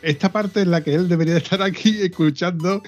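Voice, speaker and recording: A man from southern Spain co-hosting a podcast in casual chat, animated and acting out the lines he quotes. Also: high voice, fast talker, soft background music. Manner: animated, acts out quoted dialogue. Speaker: podcast co-host. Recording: dull lo-fi recording.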